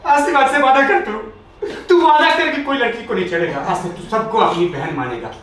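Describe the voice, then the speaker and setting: A man's voice: very high-pitched, fairly quick, fairly bright tone, slight background noise, voice pushed up. A man voicing a drunk friend who pleads and lectures with tearful promises, recorded far off in an echoey room. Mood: pleading. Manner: pleading, repeating his friend's name.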